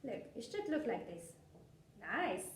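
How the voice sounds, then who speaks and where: A woman with presents a craft for small children like a bright children's entertainer. Her pitch swings widely in a sing-song, encouraging way. She is picked up from a distance in a room with some background noise. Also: big pitch swings, a little slow, echoey room. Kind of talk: step-by-step craft demonstration for young children. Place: indoor craft room, seated at a table.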